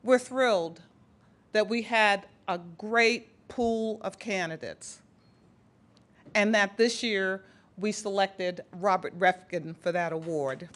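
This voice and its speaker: A woman's voice: medium pitch, takes it slowly, a bit bright, a little hiss or hum. A woman with a Boston accent presenting an award at a conference, speaking earnestly with frequent restarts. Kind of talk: prepared speech at a podium.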